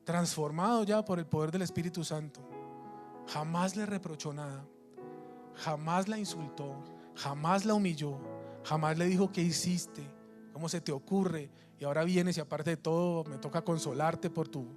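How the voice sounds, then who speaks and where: A man delivers a sermon, recounting a story with emphasis and frequent restarts. His voice sits high for a man. Faint music plays underneath. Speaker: preacher.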